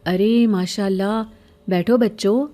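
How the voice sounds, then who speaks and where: A woman's voice: mid-range voice, steady tone, mellow, close to an everyday voice. Woman voicing a fake-friendly man in a horror tale. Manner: smooth, falsely hospitable.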